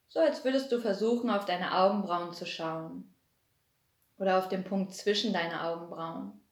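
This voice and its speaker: A woman guiding a relaxation meditation, speaking in a soothing way and slowly counting down to deepen the relaxation. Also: reverberant. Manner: slow, soothing, repetitive counting down. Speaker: meditation guide. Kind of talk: guided hypnosis meditation.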